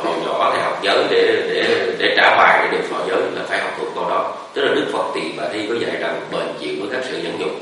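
Monk giving a dharma talk, lowish bright voice, big echoey hall, mic far off. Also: male voice, a little hiss or hum. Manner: conversational, tells stories, asks the audience rhetorical questions. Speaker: Buddhist monk teaching.

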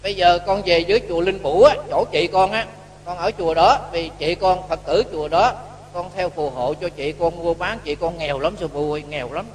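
A man preaching a sermon as a Buddhist monk, telling a story lively and acting out the dialogue. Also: on the high side, brisk. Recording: echoey hall with faint hum.

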